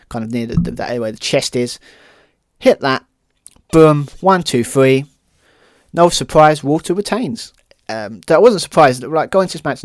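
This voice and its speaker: A man's voice: medium pitch, no echo, studio quality. A man hosting a podcast alone, giving a casual, rambling review full of fillers and "kind of", plainly enthusiastic. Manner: rambling, heavy use of "kind of" and "um". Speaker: podcast host.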